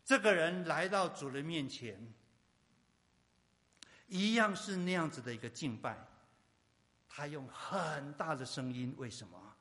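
A male pastor preaching a sermon with emphatic repetition, swinging from loud to hushed. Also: on the high side, expressive, unhurried, long pauses, in a large hall.

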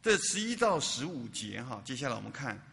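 A man's voice: mid-range voice, very animated, fairly quick, gravelly, pushed and bright, in a large hall. A man preaching a sermon as a pastor, often asking the congregation questions and repeating words for emphasis.

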